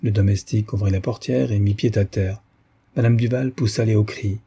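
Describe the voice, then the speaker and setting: A man reading a classic novel aloud in measured, literary narration. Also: lowish voice, fairly even intonation, creaky, mellow, breathy edge. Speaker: audiobook reader. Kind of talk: scripted narration.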